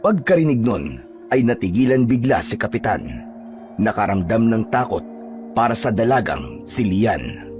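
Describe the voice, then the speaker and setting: Casting: low-pitched man reading a horror tale, measured and dramatic, soft music under him. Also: very animated. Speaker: narrator. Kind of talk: scripted horror story narration.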